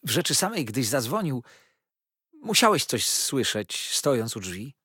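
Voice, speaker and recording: A man's voice: mid-range voice, sing-song, a little slow, pushed and bright, slightly rough, dry recording, clean studio sound, pitched above the performer's own voice, exaggerated voice. A man voicing an effusive young male lawyer who gushes and fires off questions, as a storybook reader. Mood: cheerful. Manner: gushing, breathless, showers questions.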